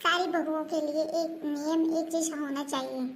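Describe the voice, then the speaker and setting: A woman's voice: high-pitched, fairly even intonation, moderate pace, a little hiss or hum. A woman voicing an assertive elder daughter-in-law who argues insistently for equal rules in a comedic family skit. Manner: argumentative, insistent.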